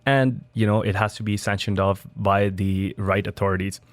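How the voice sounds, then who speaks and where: A biohacking entrepreneur from Dubai answers interview questions as a studio guest, loosely and conversationally, with fillers and restarts. His voice is on the low side and flat, at a moderate pace, with no room sound.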